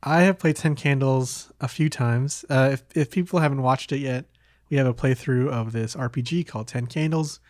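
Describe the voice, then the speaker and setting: A male podcast host chats casually in a mid-range voice at normal speed, recorded with clean studio sound and no echo. He's hesitant and rambling, frequently trailing off between thoughts.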